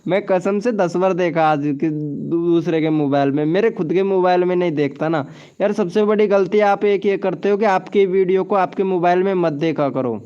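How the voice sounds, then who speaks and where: Man hosting a live stream, chatty and laughing, smooth clear voice on dull lo-fi audio. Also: high voice, normal speed, warm tone. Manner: chatty, laughing, swears by oath often. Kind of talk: casual live-stream chat with viewers.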